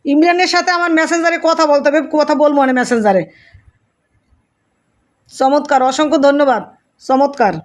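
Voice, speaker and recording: A woman's voice: high-pitched, fairly even intonation, moderate pace, long pauses. A woman hosting a live stream, reading out viewers' comments, greeting them by name and thanking them over and over.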